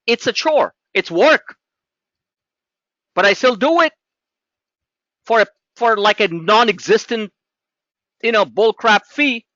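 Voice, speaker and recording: A middle-aged man with a high, bright, pointed voice hosts a trading webinar. He talks in a pushy, animated sales patter while going over charts. The sound is dry and a little dull, recorded on a close mic. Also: no room sound. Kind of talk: live trading webinar talk.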